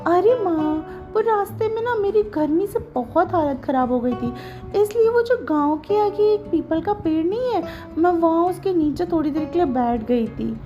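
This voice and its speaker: Woman reader playing a cheeky teen girl, higher and chirpy, over soft guitar. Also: expressive, normal speed, dull audio. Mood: playful. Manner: playful, pleading, bright and higher. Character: cheeky, curious teenage village girl.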